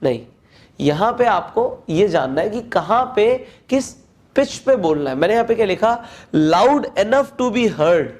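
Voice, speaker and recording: A man with a Hindi accent giving a spoken English lesson, explaining step by step and reading English phrases slowly aloud. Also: sits high, lively intonation, a little mellow. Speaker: English teacher.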